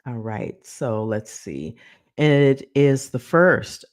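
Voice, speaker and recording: A man's voice: mid-range voice, sing-song, slow, no echo. Male live-stream news host on a headset mic, dead-dry close sound, earnest talk-to-camera delivery. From San Francisco.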